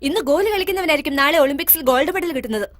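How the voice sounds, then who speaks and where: A woman's voice: high voice, lively intonation, rapid-fire. An actress voicing an outspoken mother who argues hard for her son against her husband. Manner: argumentative, pleading. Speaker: mother and wife. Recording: film dub with music behind.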